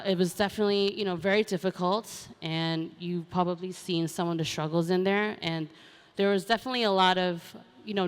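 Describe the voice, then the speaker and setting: A young woman from Hong Kong talks casually on a conference stage, filling her sentences with "um" and "you know." Her voice is smooth and clear and sits a little low. Her words ring with the long reverb of a large hall. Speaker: panel speaker, racing driver. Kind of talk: conference panel talk.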